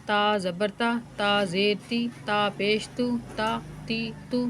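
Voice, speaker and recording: Female teacher with a Pakistani Urdu accent, mid-pitched, drawn-out chanting drills, slight background hiss. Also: fairly even intonation, a bit bright. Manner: chants syllables slowly, then explains quickly. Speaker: Quran reading teacher. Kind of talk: recitation lesson.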